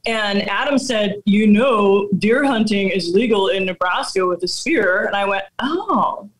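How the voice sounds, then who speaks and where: A woman's voice: mid-range voice, normal speed, rough recording. Laughing Midwestern woman telling a hunting story. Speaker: guest hunter. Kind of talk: casual storytelling chat.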